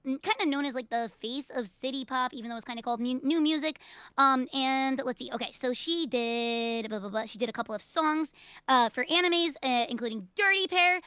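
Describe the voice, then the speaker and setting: A woman joining a stream over a voice call, relaxed and rambling with many fillers. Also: on the high side, clear, resonant tone, no echo. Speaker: guest co-streamer. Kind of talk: casual stream chat.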